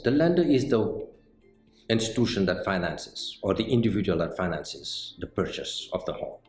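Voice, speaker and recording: A middle-aged man from Senegal, a mortgage banker answering interview questions in a measured, explanatory way with frequent pauses. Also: deep voice, sing-song, a little mellow. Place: indoor office set with bookshelves. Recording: roomy indoor sound with faint music.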